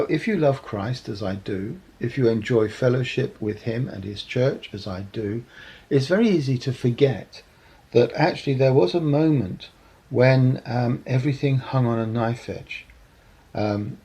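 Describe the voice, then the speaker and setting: A man giving a reflective sermon talk, measured and earnest, often pausing with ums. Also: medium pitch, a little mellow, husky, rough recording. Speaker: preacher.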